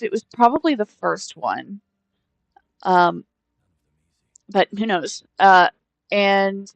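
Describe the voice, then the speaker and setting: A woman's voice: fairly high pitch, dry recording. A woman hosting a casual gaming live stream, hesitant and rambling, often trailing off mid-thought. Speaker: game streamer, host.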